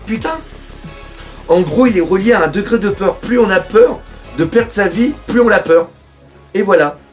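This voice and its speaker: A man from France doing live reaction commentary on a manga chapter, excitable, swearing often and reading panels aloud. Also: sits high, normal speed, faint music behind.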